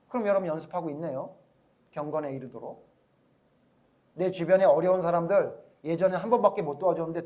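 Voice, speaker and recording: High-voiced preaching Korean pastor. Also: male voice. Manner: preaching with many rhetorical questions to the congregation; swings from soft low asides to loud emphatic outbursts. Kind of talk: sermon.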